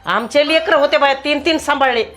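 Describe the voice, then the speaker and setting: A sharp-tongued older mother-in-law, as a woman acts her out. She nags and scolds in a fairly high voice, dropping folk sayings as she goes. Background music runs under the comic family sketch. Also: fairly quick. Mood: scolding.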